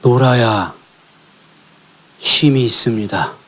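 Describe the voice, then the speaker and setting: A male pastor preaches slowly in a mid-range voice inside a church sanctuary. Through a family story and questions to the congregation, his delivery rises into emphatic calls and drops to hushed near-whispers.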